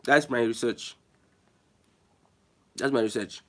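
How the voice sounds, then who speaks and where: A man's voice: mid-range voice, slow pace. A Nigerian man hosting an online show, giving emphatic, repetitive political commentary and reading viewer comments. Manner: emphatic, repeats phrases, restarts often.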